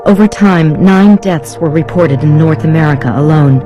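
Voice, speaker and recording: A nature documentary narrator delivers a scripted voice-over. The pitch sits in the middle, and music plays prominently underneath. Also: moderate pace, highs cut off.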